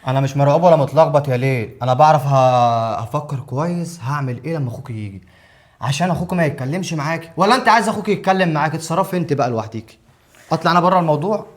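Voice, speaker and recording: A man's voice: on the high side, racing, close to an everyday voice. A young man with an Egyptian accent playing a sly, manipulative husband. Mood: smug. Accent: Egyptian Arabic. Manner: smug and plotting. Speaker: scheming husband. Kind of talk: web drama acting.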